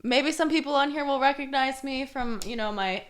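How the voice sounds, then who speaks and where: A young woman co-hosting a podcast, chatting casually with sarcastic, deadpan jokes and a lot of swearing. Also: sits high, normal speed. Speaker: podcast co-host, hairstylist. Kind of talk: casual chat. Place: room, sharing one microphone.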